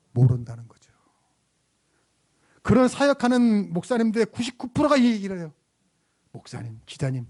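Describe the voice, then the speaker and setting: A male pastor preaching a sermon, telling stories animatedly and asking the congregation rhetorical questions. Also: high-pitched. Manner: animated storytelling.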